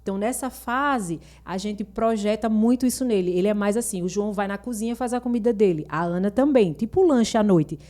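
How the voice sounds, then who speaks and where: A middle-aged woman chats as a guest on a podcast with a warm, mellow voice. She speaks frankly and firmly about her views. She tells her family stories in a lively way. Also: mid-range voice, brisk, hardly any pauses. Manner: lively storyteller who acts out family dialogue; frank and opinionated. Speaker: guest mother on a school podcast. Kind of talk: casual podcast chat.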